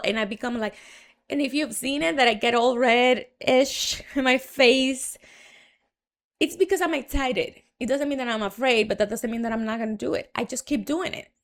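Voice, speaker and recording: Her voice is a little high and a bit bright: a young Dominican marketing entrepreneur with a Dominican Spanish accent. She recounts her story frankly and conversationally, with plenty of fillers and restarts.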